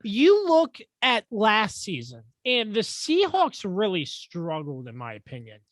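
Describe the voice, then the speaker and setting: A man's voice: sits high, wildly swooping pitch, a little slow, fairly bright tone, no echo. A man hosting a casual sports podcast, joking sarcastically and tripping over his words. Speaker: podcast host.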